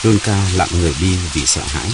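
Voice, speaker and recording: A man narrating an audiobook story in a measured, dramatic reading. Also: low voice, noisy background.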